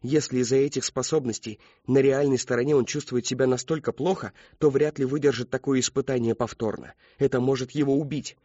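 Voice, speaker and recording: Male narrator, husky voice, steady dramatic reading, dry lo-fi recording. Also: mid-range voice, fairly quick, hardly any pauses, no echo. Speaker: audiobook narrator. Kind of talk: scripted narration.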